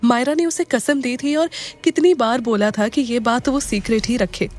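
A woman narrating a romantic audio drama in a dramatic, expressive way. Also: a little high, normal speed. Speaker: storyteller.

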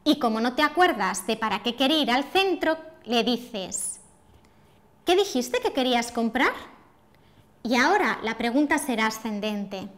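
Woman, high voice, pronunciation teacher, scripted lesson, clear and deliberate, demonstrates intonation. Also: expressive, fairly bright tone.

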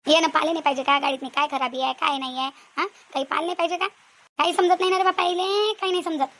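A fretful old village mother-in-law in a cartoon, griping and suspicious. Her voice sits high and the words tumble out at a breakneck clip. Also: steady tone, fairly bright tone. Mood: grumbling. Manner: complaining, suspicious, rapid chatter. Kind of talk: cartoon voice acting.

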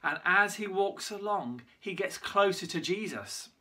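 Bright, lively church storyteller. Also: mid-range voice, measured pace. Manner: lively storytelling with props, loses track and corrects itself. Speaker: church leader giving a children's Bible talk. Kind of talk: online worship Bible story talk.

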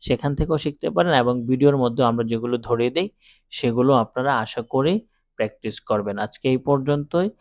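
A man teaching Quran reading, drawing out recited words slowly between calm, encouraging explanations. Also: mid-range voice, no room sound. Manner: slow drawn-out recitation between plain explanations. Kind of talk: recitation lesson.

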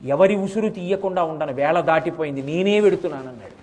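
A man speaking as a stern male god of death in a retold religious tale, in a lower voice than his own. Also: fast talker, a little mellow, slight background noise, close to an everyday voice.

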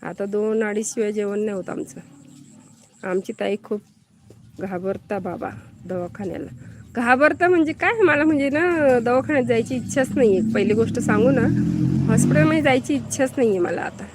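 A woman's voice: on the high side, big pitch swings, moderate pace, slight background noise. A woman from Maharashtra hosting a live stream, chatting casually and answering viewers' comments as she greets them by name.

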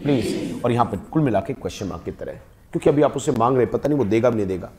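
A man's voice: medium pitch, lively intonation, fast talker, warm tone. A man with an Indian accent teaching a spoken English class, prompting students to repeat words after him.

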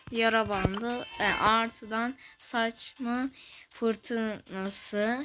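A young woman giving casual commentary over a mobile game, chatty and quick to get loud and frustrated. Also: fairly high pitch. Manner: chatty, gets loud and frustrated when dying. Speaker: gameplay video host. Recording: music playing behind the voice.

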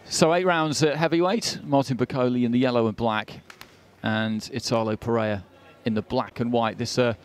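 A man giving live boxing commentary in a measured, analytical way, filling in background as he follows the action. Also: medium pitch, steady tone.

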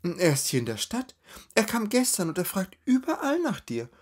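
A man voicing a giggly, vain, rich young woman in a storybook reading, in a high chattering drawl. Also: wildly swooping pitch, normal speed, slightly rough, full character voice.

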